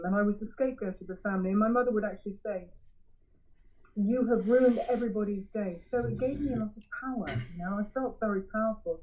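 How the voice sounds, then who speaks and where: A woman giving a frank, self-examining personal share at a recovery meeting, halting and often restarting her sentences. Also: mid-range voice, darkish tone, low-quality recording. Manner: halting, searching for words with frequent restarts. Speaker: member sharing at a recovery meeting. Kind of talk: personal share, candid reflection.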